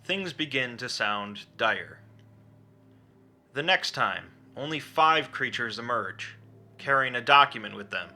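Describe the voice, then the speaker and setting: A man's voice: medium pitch, expressive, slow pace, pushed and bright. A man reading a scripted, dramatic explainer as a narrator. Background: background music.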